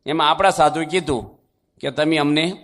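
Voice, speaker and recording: A man preaches a devotional sermon, his voice sitting a little higher than most men's. He tells homely stories in a chatty, folksy way and keeps asking his listeners questions. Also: normal speed, a bit bright. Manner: folksy, conversational storytelling with rhetorical questions. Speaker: monk preacher.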